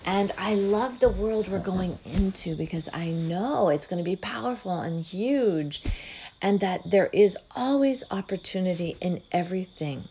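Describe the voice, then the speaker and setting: A middle-aged woman hosting a spiritual podcast, speaking slow, soft gratitude affirmations with hums and sighs. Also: medium pitch, a little hiss or hum, rough recording. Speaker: podcast host.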